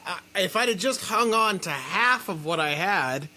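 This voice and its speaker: A man's voice: high voice, lively intonation, normal speed, pushed and bright, slight background noise. A man hosting an interview, chatting loosely with lots of fillers. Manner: loose and chatty, many "you know" fillers. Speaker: host. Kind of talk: casual interview chat.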